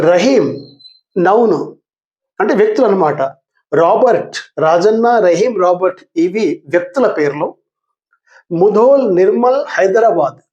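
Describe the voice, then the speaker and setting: High-voiced older man teaching grammar. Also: a little mellow, lo-fi sound. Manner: patient, repeats terms and asks the class questions, calls students dear; reads English definitions very slowly and deliberately. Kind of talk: grammar lesson.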